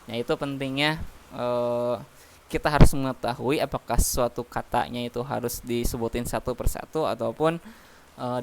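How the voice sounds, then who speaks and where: A man teaching an English class from home, explaining patiently with many fillers. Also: mid-range voice. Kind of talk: online English class, mixing Indonesian and English. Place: home, heavy rain outside. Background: rain noise.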